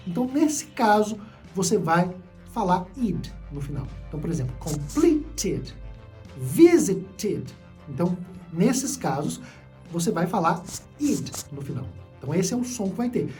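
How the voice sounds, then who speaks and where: A man's voice: high-pitched, big pitch swings, moderate pace, darkish tone, soft background music. A man with a Brazilian accent teaching a video lesson, patient and repeating key points for his students. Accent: Brazilian Portuguese. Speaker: English teacher.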